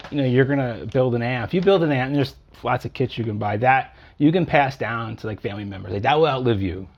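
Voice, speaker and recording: A man's voice: medium pitch, animated, fast, vocal fry, highs cut off. A man hosting a casual interview in an amp shop, talking loosely and enthusiastically with lots of fillers. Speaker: interviewer and host.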